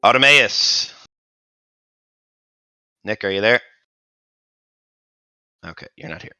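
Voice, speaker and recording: Deep, slow-talking male game master. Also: vocal fry, pushed and bright, faint music behind. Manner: halting, full of fillers and restarts. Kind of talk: narrating a tabletop role-playing game.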